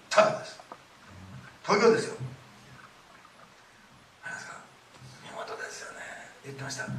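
A middle-aged man preaching a sermon, telling stories with lively acted-out quotes, in a church hall. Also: a little high, a little hiss or hum. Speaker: pastor. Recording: echoey room, distant mic, faint ambience.

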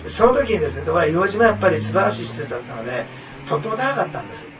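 A man's voice: high-pitched, big pitch swings, racing, distant mic, background noise. A man preaching a sermon as pastor, earnest and repetitive, with frequent asides to the congregation.

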